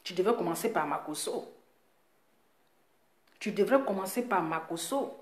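Indoors at a residence, an online commentator rants live, scolding and firing off one rhetorical question after another. Her fairly low voice has lively intonation and a normal pace, and the room sounds echoey.

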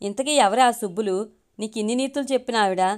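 A woman's voice: fairly high pitch, fast talker, close to an everyday voice. A woman voicing a joking, easygoing young husband in a storybook reading, who grows exasperated with his wife. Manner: joking, then pleading and exasperated.

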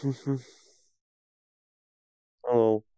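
A man's voice: mid-range voice, fairly even intonation, drawn-out words, warm tone, clean tone, no echo. A young man streaming a game, grumbling and swearing to himself in casual commentary. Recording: dull lo-fi sound.

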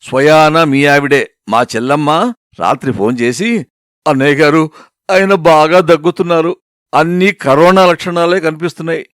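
A man's voice: a little high, moderate pace, fairly bright tone, no room sound, natural voice. Lecturing buddy full of free advice, read by a male narrator, dry sound. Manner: lecturing, know-it-all. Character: bossy advice-giving male friend on phone.

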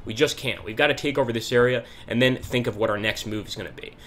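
A man's voice: medium pitch, fast, fairly bright tone, slight background noise. A man hosting a strategy game let's play, chatting and thinking aloud as he plays. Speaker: gaming channel host.

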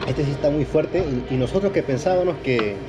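A man's voice: a little high, brisk, background noise. A young man with a Peruvian accent, hosting a casual food-tasting vlog, chatting and explaining to viewers at a restaurant table. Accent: Peruvian Spanish. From Peru. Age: young adult. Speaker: vlogger host. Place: indoor sushi restaurant. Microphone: camera on the table.

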